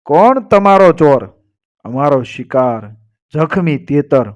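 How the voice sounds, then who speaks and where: A man storyteller voicing a band of rude, quarrelsome male archers who talk in a rough, demanding and taunting way. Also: a little high, lively intonation, takes it slowly, lo-fi sound.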